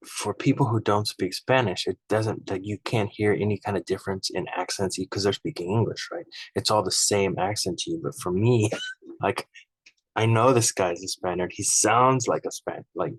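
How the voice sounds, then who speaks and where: Low-voiced rambling opinionated man. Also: moderate pace, breathy edge, no room sound, rough recording. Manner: rambling and conversational, often ending points with "right?"; frank and opinionated, easily irked. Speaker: film reviewer. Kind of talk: casual spoken film comparison.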